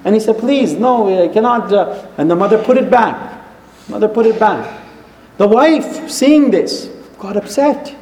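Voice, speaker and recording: Man, preacher, earnest sermon, storytelling, high voice, echoey hall. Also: animated, unhurried, darkish tone, slight background noise. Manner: earnest, storytelling, with religious phrases.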